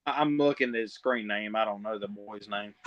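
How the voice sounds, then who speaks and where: A man's voice: fairly low pitch, fairly quick, highs cut off, crowd noise. A man with a Southern US drawl, talking in a blunt, teasing way in casual chat.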